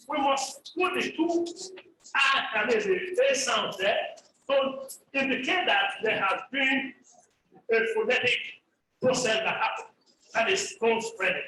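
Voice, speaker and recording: A man giving an academic presentation over a video call, explaining slowly and carefully and repeating example words. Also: high voice, pushed and bright, slight background noise. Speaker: lecturer presenting on orthography. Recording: echoey room audio from far off the mic.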